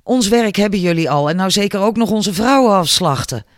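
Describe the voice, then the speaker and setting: A man's voice: a little high, lively intonation, normal speed, clear, resonant tone, dry recording, clean studio sound, lightly acted. A man voicing a hostile, brawling bully in an audiobook, speaking aggressively. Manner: aggressive, snarling.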